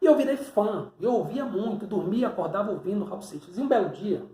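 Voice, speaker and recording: High-voiced preacher, echoey room. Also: male voice, animated, a little fast, warm tone. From Salvador, Bahia, Brazil. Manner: explains step by step, points at drawings, rhetorical questions. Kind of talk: teaching sermon with a board.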